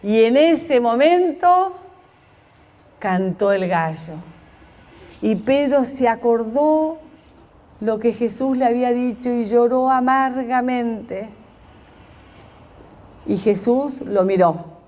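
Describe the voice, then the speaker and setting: A woman slowly telling a story as a meditation, pausing often and voicing the quoted lines of its characters. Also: a little high, lively intonation, dark tone.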